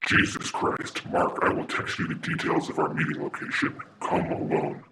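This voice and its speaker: An actor playing a mysterious anonymous caller whose voice runs through an electronic disguiser that makes glitchy robotic pitch jumps, talking in a curt, secretive and insistent way. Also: monotone, normal speed, creaky, sharp tone, slight background noise. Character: mysterious anonymous caller hiding their identity.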